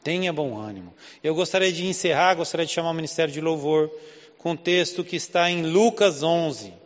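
A Southeast Brazilian pastor with a fairly high voice preaches briskly in a church hall, his sermon conversational and packed with rhetorical questions. His Southeast Brazilian Portuguese accent is clear, and the big room echoes while the high frequencies are cut off.

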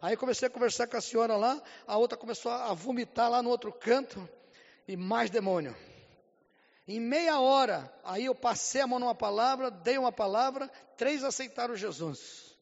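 High-voiced Brazilian pastor preaching fervently. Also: male voice, moderate pace, gravelly, in a large hall, dull audio. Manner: vivid storytelling that builds to fervent, near-shouted preaching; keeps repeating a stock phrase to the congregation. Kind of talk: sermon with personal testimony.

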